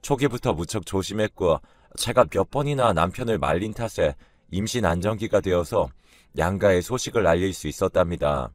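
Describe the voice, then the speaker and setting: A man's voice: sits low, expressive, normal speed, no room sound. A man narrating a first-person family story in a complaining, resentful tone.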